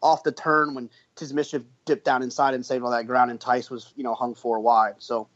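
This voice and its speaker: A man co-hosting a horse racing podcast, telling a story with energy and lots of quick restarts. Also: medium pitch, lo-fi sound. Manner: animated storyteller with frequent restarts. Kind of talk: casual podcast chat.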